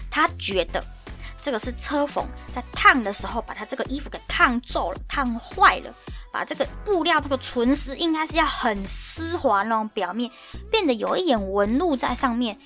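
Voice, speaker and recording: Exasperated woman podcaster, fairly high voice. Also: bright, forceful tone. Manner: exasperated, ranting. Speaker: podcast host. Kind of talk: casual storytelling monologue.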